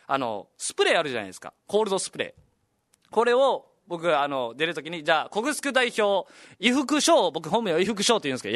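A young man from Okinawa with an Okinawan accent, a comedian and radio host telling stories in a chatty, animated way. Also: high voice, no room sound, clean studio sound. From Okinawa, Japan. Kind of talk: casual storytelling chat.

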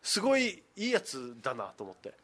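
A man's voice: medium pitch, wildly swooping pitch, fairly bright tone. A man hosting a radio show, chatting casually and nodding along. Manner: quick, agreeable, lots of short backchannels. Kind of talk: casual chat.

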